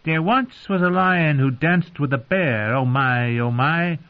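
A man's voice: on the high side, measured pace, pitched above the performer's own voice, close to an everyday voice. A man voicing a capering male jester with a mocking, sing-song delivery, on a dull lo-fi recording. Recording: dull lo-fi audio.

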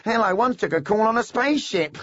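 A man voicing a brash, cocky male TV host who talks in a loud, boastful, mocking way. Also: high voice, animated, fairly quick, no echo, highs cut off, pitched above the performer's own voice.

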